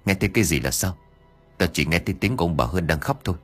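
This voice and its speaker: A man doing a gruff, snappish young man. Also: sits low, animated, fast, faint music behind. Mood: scornful. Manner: snapping, hushed scolding.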